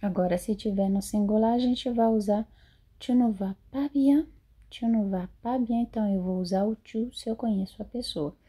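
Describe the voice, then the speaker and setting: A woman teaching French in a slow lesson, repeating model sentences carefully. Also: a little high, dark tone, breathy edge. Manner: repeats phrases slowly and carefully. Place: lives in Europe.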